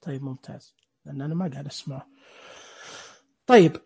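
A man with a slightly high, gravelly, darkish voice talks fast and a little roughly. He's an instructor teaching an online screen reader class, walking through each setting step by step and putting questions to his listeners.

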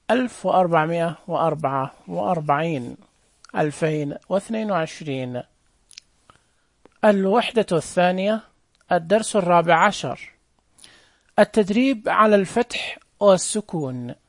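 Woman teacher for early readers, very slow drawn-out syllables, dry close sound. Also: medium pitch, no room sound. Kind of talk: slow reading lesson for young children.

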